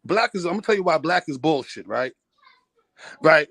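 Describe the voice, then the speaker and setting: A man's voice: a little high, animated, normal speed, gravelly, fairly bright tone, no echo. A man in a heated debate, insistent and talking over the others.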